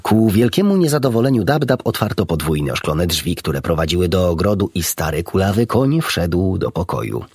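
A man narrating a children's storybook in an expressive, animated reading. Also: sits low, normal speed, hardly any pauses, husky, no room sound, studio quality. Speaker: audiobook narrator.

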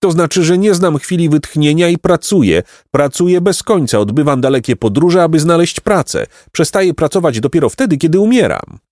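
A man voicing a tiny, hardworking female bee with a high, buzzing voice and a brisk, impatient manner. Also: big pitch swings, darkish tone, dry recording, studio quality. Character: busy tiny female bee, curt, industrious.

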